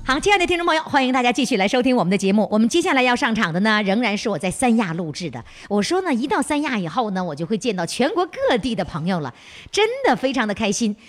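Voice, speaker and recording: Animated high-voiced Northeastern Chinese woman radio host. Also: soft background music. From Northeast China. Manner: exclamatory, teasing, quick to question. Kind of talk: lively chatty on-location interview.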